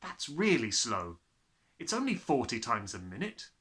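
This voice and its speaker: A man's voice: medium pitch, wildly swooping pitch, a little slow, fairly bright tone. A man voicing a precocious, earnest little girl in a storybook reading. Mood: eager, curious.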